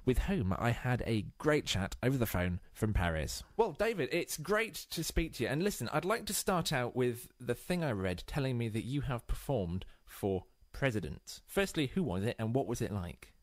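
A man's voice: medium pitch, big pitch swings, moderate pace, hardly any pauses, no echo, clean studio sound. A male radio presenter interviewing a guest with friendly questions.

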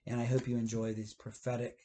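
A man's voice: mid-range voice, flat delivery, fast. A man in his fifties leads a children's church lesson. He explains patiently and rephrases as he goes. He is recorded through a table webcam in a book-lined church library. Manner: gestures a lot, explains gently with rephrasing. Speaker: pastor.

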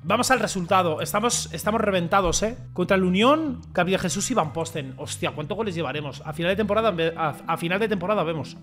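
A young man streams a football video game in a very high, bright voice, yelling at the referee and talking straight to his viewers. Soft game music plays under his excited commentary. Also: quick pace. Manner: shouts and yells at the referee, swears, talks to viewers. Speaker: gaming streamer.

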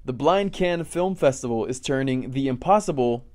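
A man's voice: medium pitch, expressive, a little mellow, no room sound. Polished male news reporter, dry sound. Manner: measured, polished delivery.

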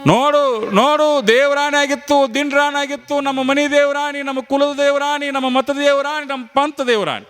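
A man's voice: extremely high pitch, fairly even intonation, moderate pace, fairly bright tone, soft background music, voice pushed up. A man voicing a repentant village husband who swears off drink, in an earnest, repetitive chant. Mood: solemn. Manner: earnest, repeating vow lines.

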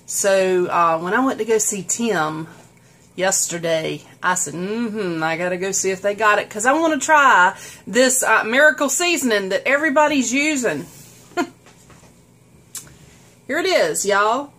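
A lively, bright woman with a medium-pitched voice and a southern US accent chats casually to the camera at a measured pace, laughing often and pushing her voice forward. She's a vlogger who films on a phone held at arm's length, first in a car and then indoors at home.

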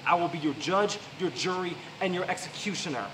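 A man's voice: high-pitched, brisk. A young American man delivering a theatrical wrestling promo full of cocky trash talk. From the Carolinas, United States. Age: young adult. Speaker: wrestler persona cutting a promo. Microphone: handheld microphone, filmed by camera. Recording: roomy, distant, clearly noisy sound.

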